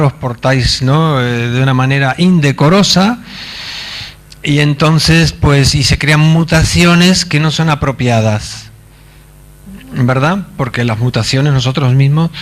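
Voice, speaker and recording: A man from Argentina, giving a conference talk in a halting manner with many fillers and wry asides. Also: mid-range voice. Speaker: conference speaker. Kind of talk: lecture. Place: conference stage.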